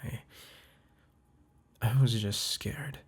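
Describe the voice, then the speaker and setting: Whispering very slowly into a close mic, a man with a husky, breathy, medium-pitched voice plays a boyfriend tenderly apologizing to the listener. He is soft and hesitant, sighing and restarting, in an intimate, ASMR-like roleplay.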